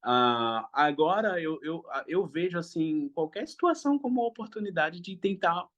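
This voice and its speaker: A man's voice: a little high, expressive, moderate pace, fairly bright tone, muffled recording. A young man, a father, speaking in a casual interview in a hesitant, thoughtful way with frequent restarts.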